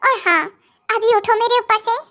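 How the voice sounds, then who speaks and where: A woman's voice: very high-pitched, moderate pace, pushed and bright. A woman doing a stern, possessive young husband. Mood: coaxing. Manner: scolding, then coaxing and apologetic. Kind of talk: fan audio drama.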